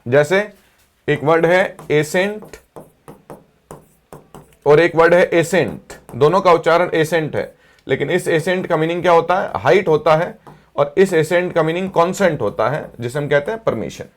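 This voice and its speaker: A man teaching English vocabulary, explaining each word in Hindi with slowly read English definitions and asking the class to repeat. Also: a little high.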